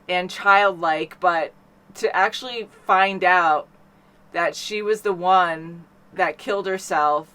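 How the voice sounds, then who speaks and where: A woman's voice: fairly low pitch, pushed and bright, clear, resonant tone. Chatty woman reviewing a film. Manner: chatty, rambling with many fillers. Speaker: movie reaction host. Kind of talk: casual chat.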